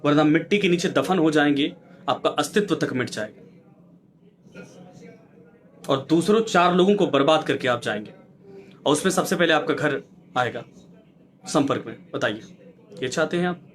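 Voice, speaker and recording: Male anchor, higher-pitched, preachy and exhorting; impassioned on-air commentary full of rhetorical questions. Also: normal speed, pauses often. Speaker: news anchor.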